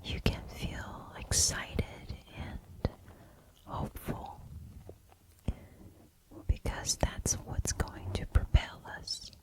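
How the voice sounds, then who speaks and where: A woman giving a gentle, reassuring pep talk in an ASMR whisper, close to the microphone. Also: drawn-out words, long pauses, poor audio. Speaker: ASMR host.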